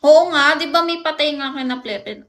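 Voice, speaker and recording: High-voiced woman streamer in an echoey room. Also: moderate pace, fairly bright tone. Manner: playful, teasing, laughs often. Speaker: live streamer. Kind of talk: casual live-stream chat, greeting viewers. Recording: echoey room with faint noise.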